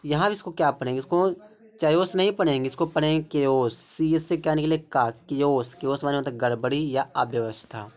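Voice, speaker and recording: A man's voice: a little high, fairly quick, few pauses. A man teaching English pronunciation rules, explaining word by word and pointing things out again and again. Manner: repetitive, keeps pointing things out. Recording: dull lo-fi recording.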